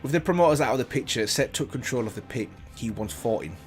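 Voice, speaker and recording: A fast-talking man with a mid-range voice and lively intonation reads a text aloud as a reaction video host. He stops for offhand comments, with loud music playing behind.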